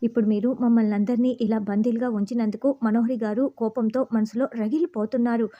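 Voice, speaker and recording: A woman's voice: on the high side, fairly even intonation, fast talker, natural voice. Brief: boastful, rambling male aide, dull lo-fi sound, voiced by a woman narrator. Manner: rambling, over-praising.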